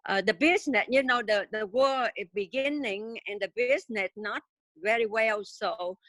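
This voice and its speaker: A woman's voice: mid-range voice, a bit bright, no echo. Vietnamese-accented woman in her seventies, dry. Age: 70s. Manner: halting, many filler sounds, simple grammar. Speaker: interview guest. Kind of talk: casual storytelling interview.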